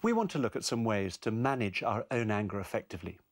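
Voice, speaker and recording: A man presenting a parenting course in calm, measured, scripted narration. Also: lowish voice.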